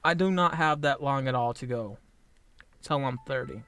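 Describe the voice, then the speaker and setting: A vlogger in his late twenties talks through a casual personal vlog in a clean, bright, forceful, medium-pitched voice. He rambles bluntly, swears freely, and speaks haltingly, often restarting his sentences.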